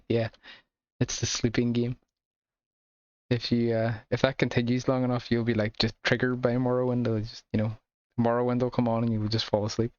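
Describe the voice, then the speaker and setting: A man with an Irish accent chatting casually with his viewers while streaming a game, relaxed and laughing often. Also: mid-range voice, moderate pace, dry recording, dull audio. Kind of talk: casual gameplay chat with viewers.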